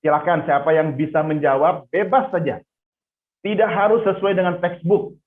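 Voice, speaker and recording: A man teaching public speaking in an online class, lively, calling on students and praising their answers. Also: a little high, moderate pace. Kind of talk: online class for pageant contestants. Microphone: video call. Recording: tinny phone-like audio.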